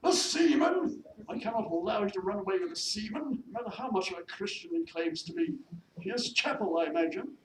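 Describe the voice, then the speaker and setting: In a noisy, echoey room with the mic far away, a reader voices a haughty, peevish widow of the minor gentry, scolding indignantly in the formal, bossy speech of a period novel. The delivery is brisk and animated in a mid-range voice, pitched above the performer's own yet still sounding natural.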